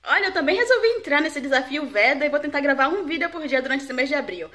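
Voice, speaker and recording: Talking fast with lively intonation and a sharp tone, this young woman from Salvador has a high-sitting voice and a Bahian Brazilian Portuguese accent. She vlogs informally to a camera held at arm's length, both indoors at home and out walking city streets. The audio is described as studio quality without echo, yet also as a noisy handheld recording full of ambient noise.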